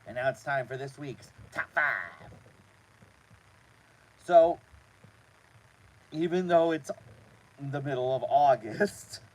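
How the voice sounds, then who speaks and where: A man hosting a casual live stream from inside a small trailer, talking to his chat in a halting way with repeated words. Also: mid-range voice, animated, low-quality recording. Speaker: host of a live show.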